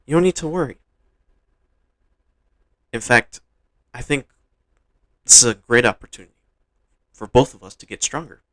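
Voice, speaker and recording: A man's voice: medium pitch, lively intonation, normal speed, pauses often, a bit bright, no room sound, natural voice. Man doing a loyal cocky little electric mouse, upbeat, teasing, dry close sound, fan storytelling. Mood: eager.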